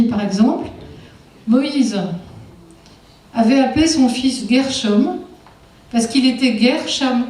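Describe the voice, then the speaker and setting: A woman delivers a public lecture, her mellow, fairly high voice drawing the audience in with constant questions. She sounds distant from the microphone in a very echoey hall. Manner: engaging, asks the audience frequent rhetorical questions. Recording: echoey hall, far from mic.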